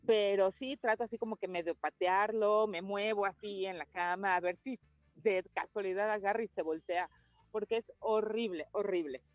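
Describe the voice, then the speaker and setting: A woman's voice: medium pitch, normal speed, no room sound, muffled recording. A woman co-hosting a radio chat, telling stories with animation. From Mexico. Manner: animated storyteller. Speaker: radio co-host.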